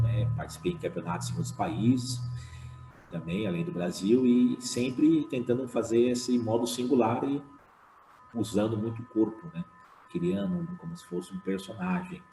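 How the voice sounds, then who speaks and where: Man, slam poet on a panel, low mellow voice, chatty with fillers, echoey room with faint music. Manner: casual, many fillers, animated when retelling. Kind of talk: online panel talk. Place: home room.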